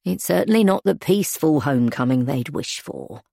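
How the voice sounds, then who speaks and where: A prim housekeeper speaks in measured, proper tones, firm but kindly, as a woman reader puts her on. The voice is low and dark. The recording is dry. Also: lively intonation, gravelly, no room sound, full character voice. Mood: firm, sensible. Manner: proper, measured, gently corrective. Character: stern middle-aged housekeeper, prim and sensible.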